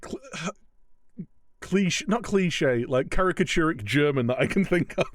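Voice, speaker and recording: Animated man chatting football. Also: fairly high pitch, dry recording, clean studio sound. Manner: animated, laughs often, quick mock quotes. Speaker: podcast co-host. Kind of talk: casual football chat.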